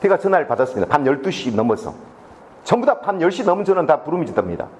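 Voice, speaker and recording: A man's voice: fairly high pitch, rapid-fire. A middle-aged man giving a public lecture, telling a story and acting out its dialogue. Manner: animated, acts out dialogue in his story.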